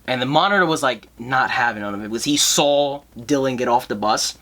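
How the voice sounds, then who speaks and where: A young man co-hosting a casual podcast chat, telling school stories in an animated way, swearing often and laughing. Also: mid-range voice, fairly quick, a loud crowd. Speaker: podcast co-host.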